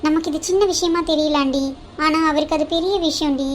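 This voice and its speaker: A woman's voice: sits high, steady tone, slight background noise, lightly acted. A woman voicing a bossy scheming elder sister. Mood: brisk, teasing. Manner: brisk, teasing, commanding. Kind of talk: cartoon drama voice acting.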